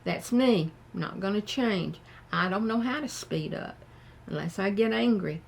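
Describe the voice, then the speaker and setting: An older woman with a Southern US accent gives frank, plain-spoken advice to her viewers, talking slowly and thoughtfully. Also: mid-range voice, expressive, gravelly, a little hiss or hum. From American South. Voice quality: slow and thoughtful. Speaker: vlogger. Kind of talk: casual advice talk to camera.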